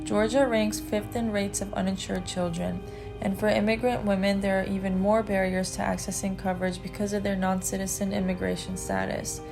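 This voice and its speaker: Gravelly-edged woman narrating over music. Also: mid-range voice. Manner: measured, statistic-heavy delivery. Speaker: advocacy narrator. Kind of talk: scripted narration.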